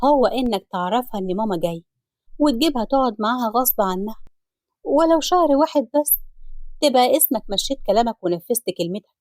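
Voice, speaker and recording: A woman with an Egyptian accent voicing an aggrieved, scheming wife who complains loudly, in a storybook reading. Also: fairly high pitch, lively intonation, fast, no room sound, natural voice.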